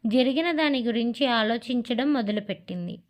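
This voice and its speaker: A woman's voice: on the high side, moderate pace. Woman narrating an audio story. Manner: steady storytelling. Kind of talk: scripted narration.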